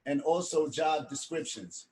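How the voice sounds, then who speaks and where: A man's voice: on the high side, measured pace, darkish tone. A man instructing an online film class in a casual way, often checking in with "right?". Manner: casual, keeps adding "right?". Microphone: video call.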